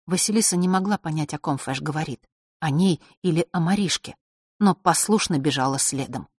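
A woman reading a fantasy novel aloud in a steady, expressive way. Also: low-pitched, brisk, husky, no room sound, clean studio sound. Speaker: audiobook narrator. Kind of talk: scripted fantasy narration.

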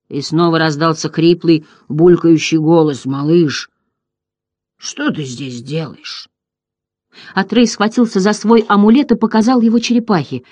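Dry, expressive audiobook narrator. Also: mid-range voice, husky, no room sound. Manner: expressive, dramatic reading. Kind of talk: scripted storybook narration.

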